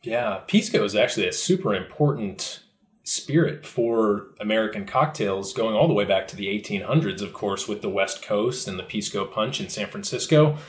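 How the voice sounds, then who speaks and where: A man's voice: on the low side, expressive, normal speed, husky. A man hosting a drinks podcast, reading an intro and then asking friendly questions with some fillers. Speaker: podcast host. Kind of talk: scripted intro then casual interview.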